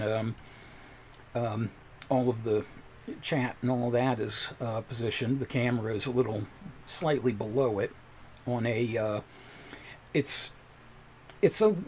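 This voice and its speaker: A man hosting a casual livestream from his home computer desk, talking into a desk microphone in a chatty, rambling, self-deprecating way. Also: mid-range voice. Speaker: livestream host.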